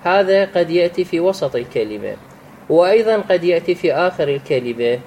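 A man teaching Quran recitation rules, patient, repeating words and examples with halting restarts. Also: fairly high pitch, expressive, darkish tone, a little hiss or hum, low-quality recording. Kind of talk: explaining tajweed rules.

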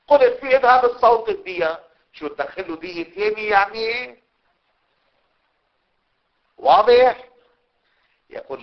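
A man teaching a class on a religious legal text, constantly quizzing his students with fill-in questions and repeating key words. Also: a little high. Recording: muffled lo-fi recording.

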